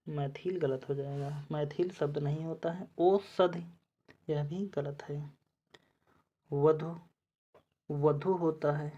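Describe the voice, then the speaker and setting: A woman's voice: low-pitched, mellow. A woman teacher working through spelling quiz answers for exam preparation, methodical and repeating each word as she checks the options.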